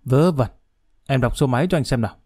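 A man's voice: medium pitch, fast talker, darkish tone, dry recording, studio quality, close to an everyday voice. A man playing a nervous, timid husband who talks in an anxious, placating way.

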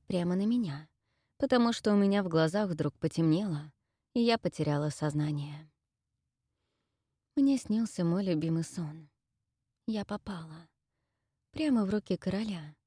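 A woman reads a first-person story aloud in a wry, lively way. Her voice sits on the low side. The recording is dry and close. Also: dry recording. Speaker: audiobook narrator. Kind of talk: first-person audiobook narration.

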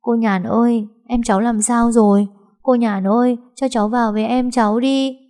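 A woman's voice: on the high side, fairly even intonation, fairly quick, darkish tone, pitched above the performer's own voice, natural voice. Woman doing a sobbing little girl. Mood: pleading. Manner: pleading, sobbing. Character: tearful little girl missing her sister.

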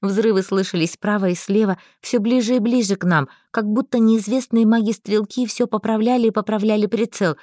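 A woman narrating a first-person fantasy novel in a lively storytelling manner. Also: medium pitch, brisk, few pauses, no echo, studio quality. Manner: lively storytelling, voicing every figure. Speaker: audiobook narrator.

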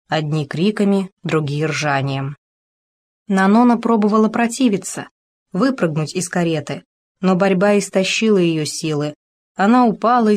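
A woman narrating an audiobook in an expressive, dramatic reading style. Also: mid-range voice.

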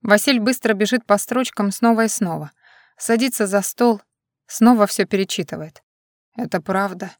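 A woman's voice: mid-range voice, moderate pace, no room sound, studio quality. A woman narrating an audiobook in a dramatic, emotional way. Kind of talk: scripted narration.

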